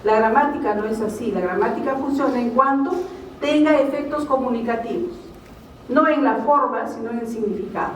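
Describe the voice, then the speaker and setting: Woman lecturer, slightly high voice, far-off mic in a reverberant hall. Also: a little fast, a little hiss or hum. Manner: explanatory, frequent tag questions. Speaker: linguistics lecturer. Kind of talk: public talk at a vocational fair. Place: large hall at a university fair.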